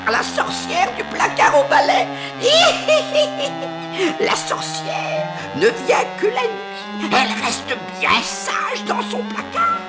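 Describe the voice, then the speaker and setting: A woman's voice: extremely high pitch, wildly swooping pitch, slow pace, over music, heavily acted, rough recording. A woman voicing a gleeful, teasing house seller who laughs in a 1970s TV cartoon. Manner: laughing, teasing, sing-song.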